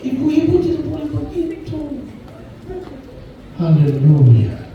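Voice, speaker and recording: A man's voice: extremely high pitch, wildly swooping pitch, slow, muffled recording, a faint crowd, a little hiss or hum. A male pastor preaching a sermon in a church hall, breaking his lines with calls of amen and hallelujah. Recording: echoey church hall, from far off.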